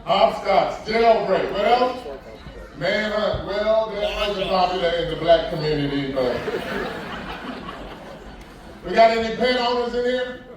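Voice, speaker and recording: A male stand-up comedian doing crowd work on a cruise ship, loud and animated as he quizzes the audience, heard in an echoey lounge from a distance with the crowd answering. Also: high voice, moderate pace. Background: audience laughing and answering.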